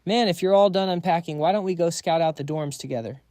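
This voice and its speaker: A man's voice: a little high, fast, darkish tone, no room sound, studio quality, lightly acted. A man voicing a chatty, goofy young male roommate with an upbeat way of talking.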